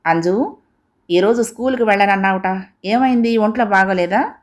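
A woman voicing a remarried father who coaxes his daughter and turns evasive and sharp in a storybook reading. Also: mid-range voice, normal speed, lightly acted. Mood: coaxing. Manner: coaxing, then sharp and scolding.

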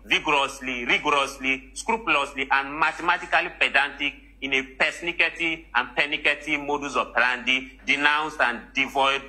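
A man's voice: medium pitch, bright, forceful tone, rough recording. Man playing a piercing, pompous Nigerian academic. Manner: pompous, verbose, piling up synonyms. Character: pedantic male academic showing off absurd highfalutin vocabulary. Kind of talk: comedy street interview.

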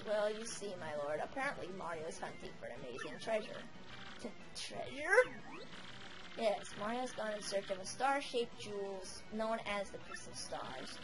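A woman voicing a fawning old female witch servant with a raspy, soft voice. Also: medium pitch, animated, normal speed, music in the background, voice pushed down, natural voice, rough recording.

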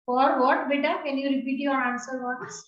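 A woman's voice: high-pitched, level tone, normal speed. A middle-aged woman with an Indian accent teaching an online biology class, questioning and prompting students and slipping between English and Hindi. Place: indoor room with bookshelves. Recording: echoey, dull video-call audio.

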